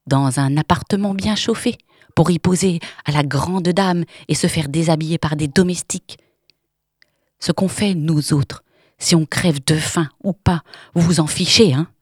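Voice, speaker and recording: A woman voicing a coarse, jealous young woman who shouts with harsh, sneering contempt in an audiobook reading. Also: deep voice, measured pace, slightly rough, no echo, clean studio sound. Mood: mocking.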